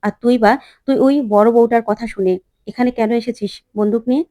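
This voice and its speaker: A woman's voice: fairly high pitch, steady tone, brisk, warm tone, dry recording, clean studio sound, close to an everyday voice. A woman reading the lines of a tough young woman archer in a retold TV serial, blunt and challenging.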